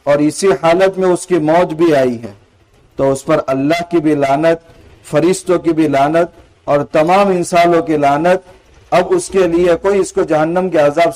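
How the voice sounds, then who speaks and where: A fairly high-voiced man teaches a Quran commentary lesson in an earnest, explanatory way. He recites scripture lines between his explanations and leans on rhetorical questions to press each point home. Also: darkish tone, rough recording. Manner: earnest explaining, weaving in recited Arabic verses.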